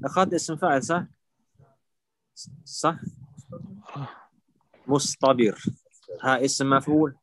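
Man teaching arabic grammar, patient, repeats words slowly, mid-pitched voice, dry close sound. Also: fairly bright tone, no room sound, poor audio. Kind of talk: live online lesson with students.

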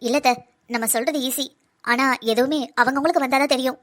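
A woman's voice: high voice, steady tone, fast talker. A young woman voicing a patient, hurt pregnant wife in a cartoon drama, speaking earnestly. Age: young adult. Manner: soft, earnest pleading.

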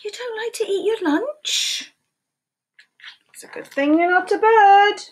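A woman in her sixties speaks in a very high-pitched, slightly slow voice as she reads a picture book to young children. She reads in a sing-song storytelling manner, stopping to ask them questions. The recording comes from a desk webcam in a small room at home.

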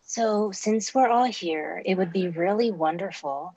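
A woman's voice: medium pitch, unhurried, mellow, husky, dry recording, highs cut off. A woman moderating an online class, organized and polite as she steers the schedule. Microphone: video call.

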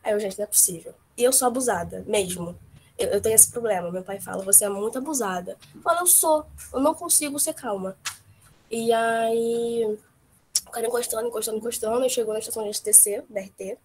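A young woman with a cold telling a casual personal story, blunt and lively, with many fillers. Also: fairly high pitch, fairly quick, slight background noise. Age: young adult. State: has a cold. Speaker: workshop participant.

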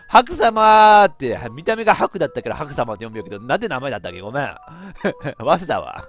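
A man with a giving casual, chatty game commentary and laughing at himself. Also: medium pitch. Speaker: VTuber let's-play streamer.

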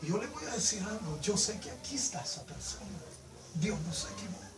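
A man preaches, fervent and swinging up into loud emphatic peaks. He sounds set back from the microphone in a roomy, echoing space. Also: high voice, big pitch swings, a little fast, a crowd in the background. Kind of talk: sermon. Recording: echoey room, picked up from a distance.

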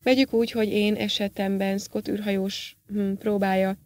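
A woman's voice: mid-range voice, little pitch movement, a little mellow, a little hiss or hum, natural voice. A woman reading an audiobook, voicing a formal older male professor who questions politely but insistently.

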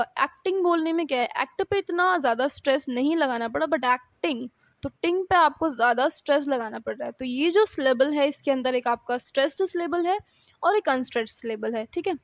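High-voiced woman teaching in a dry room. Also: dry recording. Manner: mixes Hindi and English, reads English definitions slowly. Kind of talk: explanatory lecture.

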